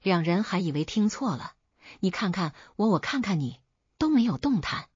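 A woman's voice: mid-range voice, big pitch swings, normal speed, a little mellow, slightly rough, dry recording. A woman narrating a scripted folk tale as a storyteller. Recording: dull lo-fi dry recording.

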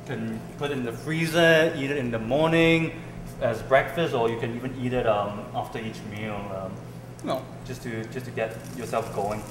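A distant camera picks up a young Singaporean man hosting a cooking show in a large indoor kitchen, where he talks casually and tentatively with many ums as he cooks. His voice sits at medium pitch with a moderate pace, against reverb and a noisy background.

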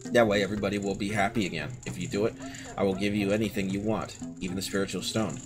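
A man reading aloud the lines of a big, boastful male rock-creature chieftain from a video game, in his own low, plain voice, with game music behind. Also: fairly even intonation, fast, natural voice. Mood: gruff bargaining.

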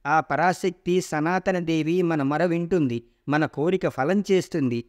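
A wise old creator god from a myth retelling, steady and authoritative as he consoles, read by a man with a fairly high voice. He lays out fate with measured calm. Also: natural voice. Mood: consoling.

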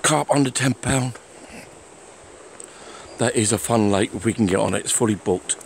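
A man's voice: lowish voice, gravelly, rough recording. Chatty man filming by a lake. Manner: chatty, unhurried, plain-spoken. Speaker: angler filming his fishing trip. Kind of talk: casual walk-and-talk vlog. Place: outdoors by a fishing lake, walking around. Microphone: handheld phone camera. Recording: faint outdoor noise.

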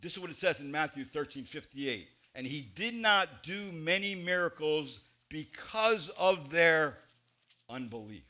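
Pastor, male, 40s, preaching from a church pulpit, bright forceful voice, big emphatic swings. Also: animated, measured pace. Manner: emphatic, gesturing widely, swings between loud stresses and quiet low drops. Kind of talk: expository sermon.

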